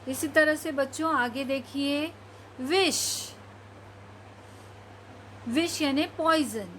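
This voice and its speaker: A woman teacher leads a children's reading lesson in a bright, high voice, stretching every word out very slowly before explaining it. A faint hiss of room ambience sits under her speech. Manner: drawn-out word-by-word reading, then quick explanations. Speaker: primary school Hindi teacher.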